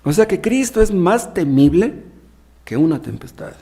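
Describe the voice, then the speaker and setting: Gravelly pastor explaining scripture. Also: male voice, sits high, expressive, normal speed, mellow. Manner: reads Bible verses aloud, then explains them in plain words with rhetorical questions. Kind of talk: expository sermon reading and explaining scripture.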